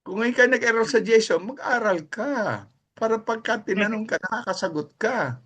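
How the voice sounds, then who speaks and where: A man's voice: high voice, normal speed. A man with a Filipino accent preaching a sermon, telling his stories with animation and slipping in English phrases. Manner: animated storytelling, mixing in English phrases, chuckling at his own anecdotes. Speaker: pastor.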